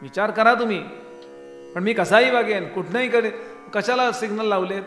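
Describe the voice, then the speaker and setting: A high-pitched man preaching, asking his listeners question after question in a chatty discourse style. His voice rings with long reverb in a large hall. Faint instrumental music plays underneath. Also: moderate pace, fairly bright tone. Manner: conversational preaching with rhetorical questions. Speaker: kirtan preacher. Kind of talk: Marathi devotional discourse.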